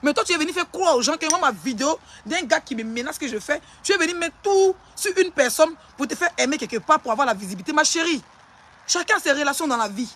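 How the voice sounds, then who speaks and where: An Ivorian social media personality ranting and hurling insults in a live-stream clash, in a taunting, rapid-fire manner. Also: sits high, animated, a bit bright, a little hiss or hum.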